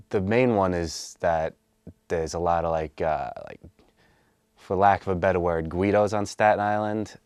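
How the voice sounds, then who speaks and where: A man's voice: sits low, darkish tone, clear, resonant tone, dry recording, studio quality. A man in his twenties answering interview questions casually, hesitant and full of fillers. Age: 20s. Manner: hesitant, many fillers and restarts.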